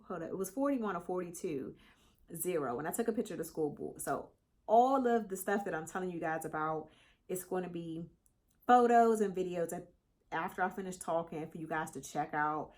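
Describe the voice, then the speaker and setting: A middle-aged woman vlogging casually to her viewers, chatty and animated, slightly congested, calling them y'all. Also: fairly low pitch, fairly quick. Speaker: crochet vlogger. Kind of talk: casual chat to camera.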